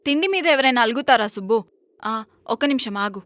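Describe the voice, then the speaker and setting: A woman's voice: a little high, animated, a bit bright, no room sound. An actress playing a young jobless village woman who scolds but cares. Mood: fussing. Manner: brisk, bossy and scolding. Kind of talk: romantic comedy web series acting.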